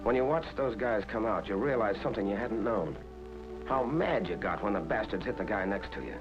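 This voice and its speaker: Narrating a 1940s war documentary, a man plays a plain-spoken American infantryman recounting his first battle in colloquial language, with grim pride. His natural voice is lowish, animated and fairly quick. The soundtrack is dull, with loud music and artillery fire behind him.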